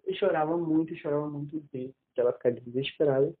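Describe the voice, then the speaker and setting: A man's voice: a little high, fast talker. Young man on a tinny phone-like line. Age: 20s. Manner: animated, acts out quoted dialogue, many restarts. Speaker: interviewee. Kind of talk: casual personal storytelling.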